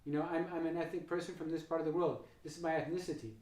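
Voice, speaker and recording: A man's voice: a little high, steady tone, racing, darkish tone. A man from the United States hosting a casual talk on economics and religious philosophy, thinking aloud with many fillers and restarts. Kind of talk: casual conversational interview. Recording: echoey room, voice from far off.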